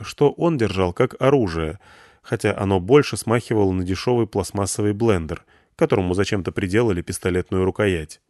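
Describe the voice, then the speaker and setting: A man reading an audiobook narration with expressive, varied intonation. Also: lowish voice, dry recording, clean studio sound. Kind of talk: scripted narration.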